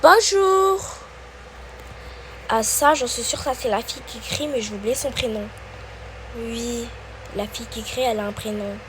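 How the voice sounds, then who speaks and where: A woman hosting her own video, chatting casually to viewers in a slow, hesitant way with many fillers. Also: on the high side, steady tone, a little hiss or hum, low-quality recording. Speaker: channel host.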